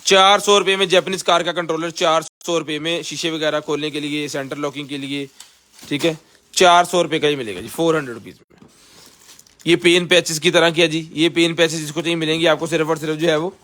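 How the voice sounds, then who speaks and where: A man with a Pakistani accent giving a casual live sales pitch as a seller, pushing items hard and repeating himself like a hard-sell ad. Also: fairly even intonation, fairly quick, a bit bright. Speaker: live-stream seller of container goods.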